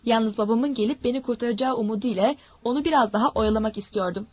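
A woman narrating a story in a steady, dramatic reading. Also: a little high, quick pace, no room sound, lo-fi sound.

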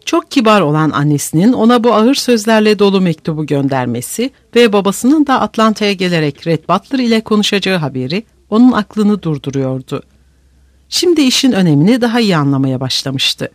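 An expressive audiobook narrator reading with dramatic flair, the pitch rising and falling in wide, lively sweeps. The voice is recorded close and dry, without room echo. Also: a little fast.

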